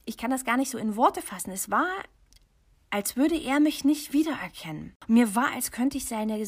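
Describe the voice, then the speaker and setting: A middle-aged woman speaks straight to the listener, her voice soft and breathy, slightly higher than most. She tells her story in a confessional tone and often sinks to almost a whisper. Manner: intimate, confessional, often dropping to a near whisper. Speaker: podcast host and coach for mothers.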